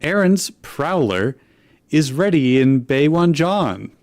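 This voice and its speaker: A man voicing a formal, calm alien ship's pilot in a comedic fanfiction reading. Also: on the high side, slow, no room sound, exaggerated voice.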